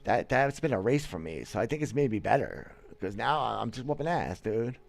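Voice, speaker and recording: A man in his thirties, a gaming streamer, delivers casual livestream commentary in a gravelly mid-range voice with big pitch swings at normal speed. He's seated in a small room on a headset mic with webcam framing, talking bluntly and boastfully amid many restarts and stammers.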